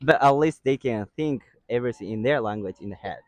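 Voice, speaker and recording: Male interviewer, chatty and animated, lots of agreeing murmurs, dry mic. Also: medium pitch, fairly quick, dry recording. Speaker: street interviewer. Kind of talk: casual interview.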